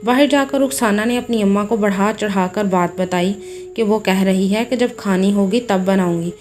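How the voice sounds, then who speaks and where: A woman narrating a family story in a steady, plain storytelling manner. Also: mid-range voice, moderate pace, soft background music.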